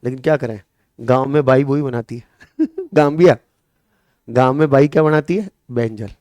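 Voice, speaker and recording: Male exam-coaching teacher, Marwari-tinged Hindi accent, mid pitch, dry close sound, keeps asking and answering his own questions. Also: moderate pace, dry recording. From Rajasthan, India. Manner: lively, repeats questions to students and answers them. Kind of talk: classroom lecture with memory tricks.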